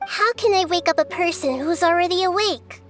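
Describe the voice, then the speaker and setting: An actress voicing a small, childlike goddess of wisdom in a video game, gentle, precise and composed. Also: female voice, very high-pitched, fairly quick, soft background music. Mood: calm, knowing. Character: small childlike female deity of wisdom, calm, perceptive.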